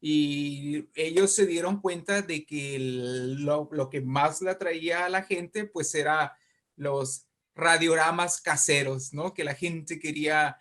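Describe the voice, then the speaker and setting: A writer and poet with a Mexican accent speaks as an invited interview guest. His fairly high, fairly bright voice moves at a slow pace as he explains things emphatically and discursively, often checking in with the listener in a conversational way.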